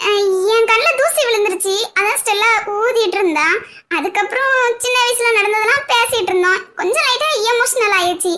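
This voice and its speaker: Playful cartoon wife voiced by a woman, squeaky, bright, cheeky. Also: a little hiss or hum. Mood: teasing. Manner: quick, teasing, playful. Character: young wife, lively, teasing, protective friend.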